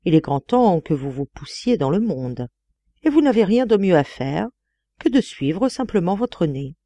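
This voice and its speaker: A woman voicing an effusive old gentleman father. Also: on the low side, sing-song, a little slow, no echo.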